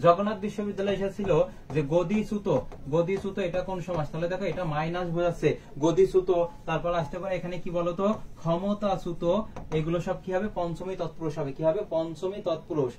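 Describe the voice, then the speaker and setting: A high-pitched man teaches a live online exam-prep class, asking students questions and answering them himself. He sits a little back from the mic. A faint background hiss runs under his voice. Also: steady tone, fast talker, darkish tone. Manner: quizzing, rhetorical questions and answers. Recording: faint background noise, slightly distant mic.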